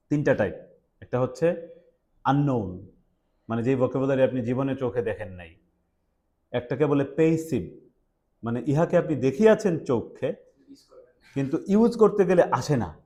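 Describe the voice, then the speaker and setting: A man's voice: mid-range voice, warm tone. A young man teaching an English class, quizzing his students and mixing English words into his explanations. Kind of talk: classroom lecture.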